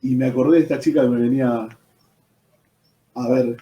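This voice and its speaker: A man's voice: mid-range voice, steady tone, normal speed, dull audio, a little hiss or hum. A man with an Argentine accent, a pastor giving his personal testimony in an interview, telling it as a story and dropping "¿viste?" as he goes. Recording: roomy echo, distant from the mic.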